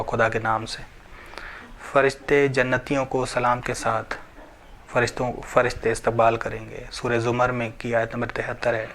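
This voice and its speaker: A man's voice: mid-range voice, fairly bright tone. A man teaching a religious lesson, explaining each point, repeating phrases and reciting scripture. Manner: repetitive, explanatory, asks and answers his own questions.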